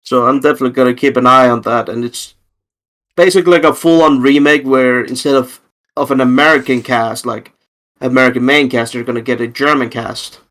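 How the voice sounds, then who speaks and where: A man's voice: medium pitch, steady tone, a little fast, a bit bright. A man guesting on a podcast in casual chat, hedging and restarting his sentences often. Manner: hesitant, restarts and qualifies often.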